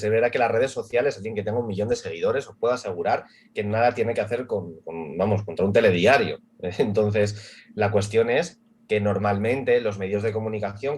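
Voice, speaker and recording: Man, husky voice, colloquial explanations, panel chat. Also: on the low side, darkish tone. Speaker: panel guest. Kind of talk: casual panel discussion.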